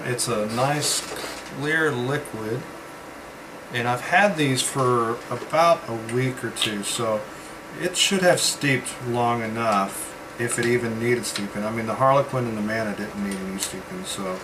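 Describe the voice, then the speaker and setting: A man giving a casual vlog-style product review, rambling and halting, pausing often as he goes. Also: medium pitch. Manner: rambling, halting delivery with pauses as he tastes. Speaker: vape reviewer. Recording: steady background hum, like air conditioning.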